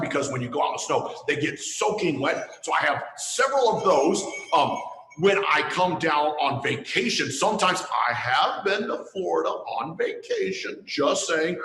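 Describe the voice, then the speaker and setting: A man's voice: a little high, bright, forceful tone, in a large hall, exaggerated voice, low-quality recording. A man playing a jolly Santa Claus. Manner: slow, theatrical reading with playful chuckles. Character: jolly old Santa Claus, grandfatherly and playful. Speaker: storyteller. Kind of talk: holiday story reading and kids' Q&A.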